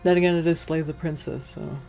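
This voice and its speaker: Lower-pitched young woman commenting on a game. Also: steady tone, fairly quick, creaky, darkish tone. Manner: chatty, slangy, talks back to the game. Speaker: gaming video host. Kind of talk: casual let's-play commentary. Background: faint game music.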